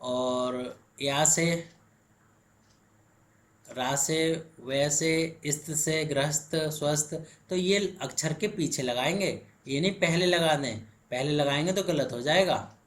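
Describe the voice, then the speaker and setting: A man teaching grammar, explaining slowly word by word and checking in often with the class. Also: fairly high pitch. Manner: slow, drawn-out word-by-word explaining, frequent "ठीक है" check-ins. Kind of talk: blackboard lesson.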